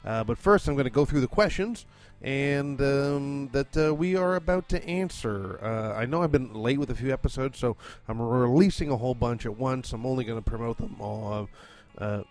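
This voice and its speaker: A man's voice: mid-range voice, moderate pace, a little mellow, soft background music. A man hosting and producing a comedy podcast from his condo, rambling casually with lots of fillers and swearing. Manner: chatty, profane, rambling with many fillers. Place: condo at home.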